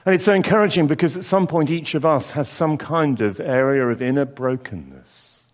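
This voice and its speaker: Male preacher, earnest and expressive sermon, lively pitch movement. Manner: earnest, expressive delivery with pauses and emphatic repetitions.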